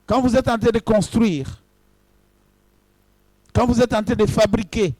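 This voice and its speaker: A man's voice: sits high, measured pace, darkish tone, no room sound. A man, a pastor, preaching a sermon in short phrases and addressing his congregation directly.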